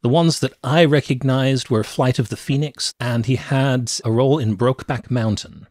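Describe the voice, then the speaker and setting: A middle-aged man co-hosts a conversational movie review podcast from a small room at home, speaking close into a headset microphone. His medium-pitched voice is darkish and fairly even in intonation, at a moderate pace, with no room sound.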